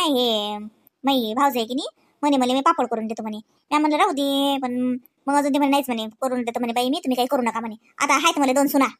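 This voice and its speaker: This is a cartoon village auntie, performed by a woman, with a high-pitched, somewhat bright voice. She chatters away in rustic Vidarbha Varhadi Marathi, gossiping and exclaiming in a comedic style.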